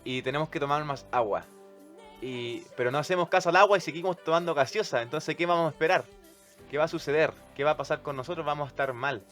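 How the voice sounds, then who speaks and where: A man's voice: fairly high pitch, quick pace, a bit bright, soft background music. Man explaining faith with everyday examples. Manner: conversational, explains with everyday examples, hesitant fillers. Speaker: podcast co-host.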